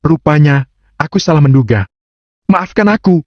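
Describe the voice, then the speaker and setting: A man voicing a calm, confident young man who speaks with cool, mock politeness in an audiobook. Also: fairly high pitch, moderate pace, no echo, pitched above the performer's own voice. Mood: mock-polite. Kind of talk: audiobook character voice. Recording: dull, dry lo-fi recording.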